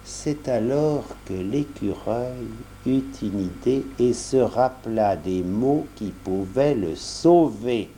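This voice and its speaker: A man's voice: medium pitch, expressive, takes it slowly, mellow, slight background noise. A man reading a children's story aloud, addressing the young listener directly and explaining as he goes.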